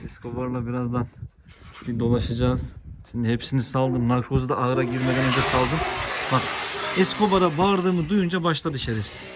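A man vlogging outdoors on a farm. He chats casually to viewers and shouts sharp calls and scoldings to his dogs. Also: medium pitch, steady tone, moderate pace, very noisy. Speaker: vlogger and dog owner.

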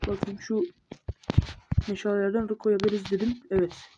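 A woman's voice: medium pitch, little pitch movement, fairly quick, mellow. A woman giving casual gameplay commentary, muttering self-talk and scolding the monsters. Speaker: gamer. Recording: dull lo-fi mic with noise.

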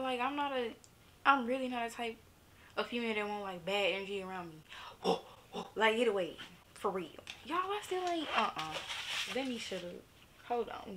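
Twenties woman, Southern Memphis accent, casual vlogger, easygoing and chatty, slightly raised pitch. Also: sharp tone. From Memphis, Tennessee, USA. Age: 20s. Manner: chatty, laid-back, laughs often, drops into asides. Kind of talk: casual get-to-know-me vlog.

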